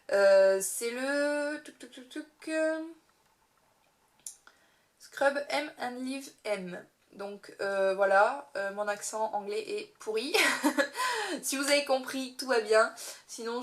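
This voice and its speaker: A young woman chatting casually about beauty products she bought, giggling often and filling her sentences with hesitations and restarts. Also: medium pitch. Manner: chatty, giggly, many fillers and self-corrections. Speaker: beauty vlogger. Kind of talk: casual haul video chat.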